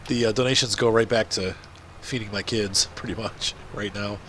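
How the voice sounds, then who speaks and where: A man's voice: lowish voice, fairly even intonation, moderate pace, fairly bright tone, slight background noise. A man with a congested, blocked-up nose giving casual, rambling gameplay commentary as a video host. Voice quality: congested, blocked nose, nasal stuffy sound.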